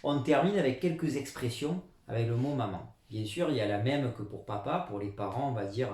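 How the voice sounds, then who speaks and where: Lively man teaching in an echoey room. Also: brisk. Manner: lively teacherly, stresses example words loudly, drops low on asides. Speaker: Chinese language teacher. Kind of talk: explanatory lesson to camera.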